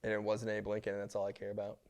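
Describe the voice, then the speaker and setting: A young man co-hosting a podcast, rambling through deadpan jokes in casual chat and swearing often. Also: fairly low pitch, rapid-fire. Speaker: podcast co-host.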